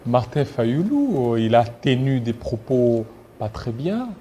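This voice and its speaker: A man from Congo hosting a political talk show, asking measured, pressing questions. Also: mid-range voice, very animated, dark tone, slight background noise. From Democratic Republic of the Congo. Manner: measured, pressing questions, slow deliberate phrasing. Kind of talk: political interview.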